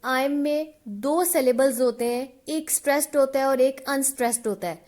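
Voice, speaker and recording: A woman with a high, light voice teaches a literature lesson, mixing Hindi explanation with English terms. She talks patiently and keeps checking in with her viewers, slowing down to read definitions with care. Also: darkish tone. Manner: patient, checks in with "ठीक है?" often; reads English definitions slowly and deliberately.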